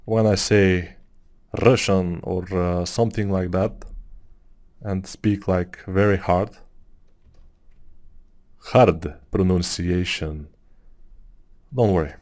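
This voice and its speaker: The Bulgarian-accented man here, in his thirties and from Bulgaria, has a voice that sits low, with a steady, darkish tone. He talks slowly with long pauses, meandering through a casual 3D sculpting tutorial over screen work and using many fillers.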